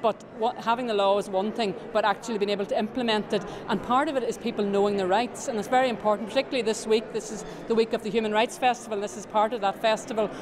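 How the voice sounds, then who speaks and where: A woman gives a formal spokesperson interview at a brisk clip, articulate and measured in her wording. A busy crowd is audible around her. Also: mid-range voice, steady tone. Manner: articulate, policy-minded. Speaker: advocate for Traveller rights. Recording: busy crowd and street noise behind.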